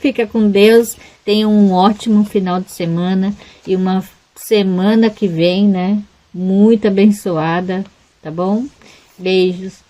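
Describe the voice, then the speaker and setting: A woman's voice: medium pitch, steady tone, slow, mellow, low-quality recording. A woman, chatting casually to her viewers as a crochet vlogger, rambling and tagging her sentences with little questions.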